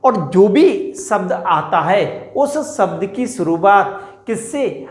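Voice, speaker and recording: A male teacher leads a grammar class at an unhurried, drawn-out pace, sounding each example word out with care. He often puts a question to the class and then answers it himself. His voice carries a noticeable echo from a hard-walled room. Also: high-pitched, lively intonation. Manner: slow, drawn-out repetition of example words. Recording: echoey room.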